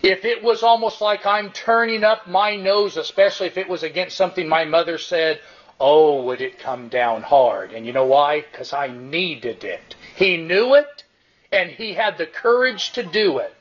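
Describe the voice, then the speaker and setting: A high-pitched man preaches with a husky grain in his voice. He is emphatic and repeats his key lines, slowing down to drive each point home. The recording sounds dull and lo-fi. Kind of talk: sermon.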